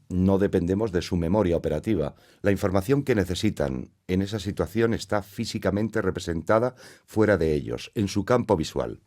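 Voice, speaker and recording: A man with a very low, deep voice reads a lecture for parents as a scripted voice-over. His delivery is measured and teacherly, laying out each point one step at a time. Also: a little mellow. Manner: measured, didactic, explains step by step.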